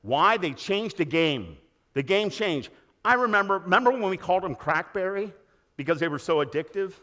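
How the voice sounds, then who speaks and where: Man, 60s, motivational keynote speaker, forceful bright tone, raised voice. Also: sits high, normal speed. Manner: energetic, emphatic, asks the audience questions. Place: large conference hall, indoors.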